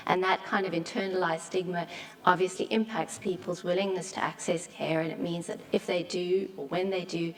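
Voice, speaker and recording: Woman panelist, earnest and emphatic; lowish voice, a little off mic. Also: distant mic, rough recording. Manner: earnest, emphatic, some restarts. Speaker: conference panelist. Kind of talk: conference Q&A answer. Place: conference room.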